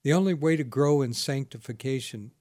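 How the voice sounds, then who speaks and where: A man's voice: medium pitch, a little fast, darkish tone, no echo, clean studio sound. A man hosting a ministry talk show as pastor, asking questions, telling stories and laughing often. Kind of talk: casual ministry interview.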